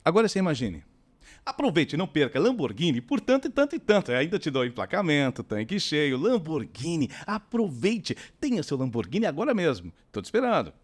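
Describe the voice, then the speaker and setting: A Brazilian man playing an urgent retail ad pitchman in a high, loud voice. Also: very animated, fairly quick. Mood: hyped. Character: hyped-up male retail ad pitchman.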